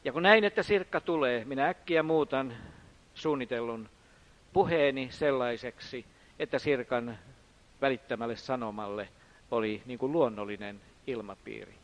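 An older man preaching a sermon, moving between loud emphatic declarations and quiet anecdotes. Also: mid-range voice. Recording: dull lo-fi sound.

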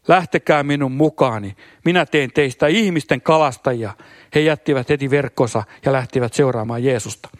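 A man's voice: mid-range voice, no room sound, studio quality. A man reading scripture aloud as a preacher, with occasional stumbles and hallelujahs slipped in between verses. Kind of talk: scripture reading with spontaneous comments.

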